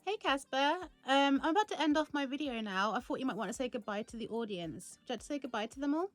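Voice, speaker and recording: A woman's voice: high voice, expressive, quick pace, no echo, soft background music. A woman vlogger in casual unboxing chat, giggly and chatty, talking to her toy.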